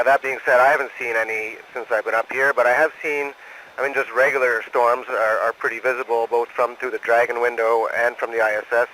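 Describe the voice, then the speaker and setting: Halting man over noisy space radio. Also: mid-range voice, bright, forceful tone. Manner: halting, saying "over" after each answer. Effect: space radio transmission. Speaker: astronaut answering school questions. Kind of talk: unscripted question-and-answer over radio. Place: aboard the space station.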